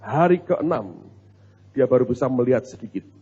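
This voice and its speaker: A male pastor, preaching in an animated, humorous storytelling way and talking straight to his congregation. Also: mid-range voice, moderate pace, slightly rough. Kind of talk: storytelling sermon. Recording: muffled recording in a reverberant hall.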